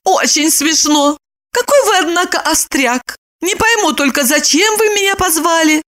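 A woman voicing a proud, touchy young woman who takes offense quickly and speaks in a shrill, indignant way. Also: lively intonation, a bit bright. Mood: sharp.

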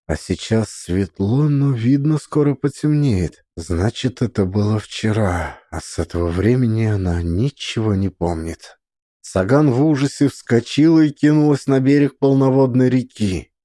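A man narrating a story with an expressive, dramatic reading. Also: medium pitch, a little slow, no room sound, clean studio sound.

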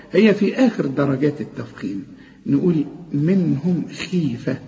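A man with an Egyptian accent teaching Quran recitation, correcting a student's pronunciation and repeating words slowly and drawn out. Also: high voice, warm tone, lo-fi sound. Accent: Egyptian Arabic. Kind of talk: tajweed correction lesson.

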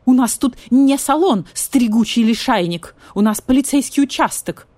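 A woman's voice: medium pitch, unhurried, a little mellow, no echo, close to an everyday voice. A woman voicing a stern, fussy vulture police officer who speaks in an indignant, clipped way.

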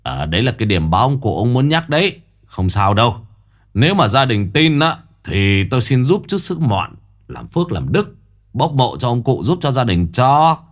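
A man voicing a greedy, crafty old fake sorcerer who talks low and wheedling. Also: sing-song, moderate pace. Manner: low, gruff, sly and wheedling.

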